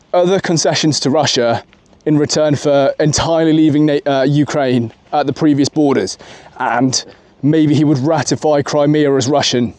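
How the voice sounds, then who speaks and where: A man's voice: on the high side, darkish tone, no echo. A man giving a rambling, casual political opinion monologue from his car, full of fillers and asides. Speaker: political commentary vlogger.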